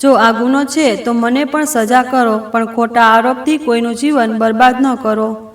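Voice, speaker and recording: A woman's voice: fairly high pitch, steady tone, a little slow, distant mic, natural voice. A woman voicing a kind young brother-in-law who pleads earnestly, in an echoey room. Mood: pleading.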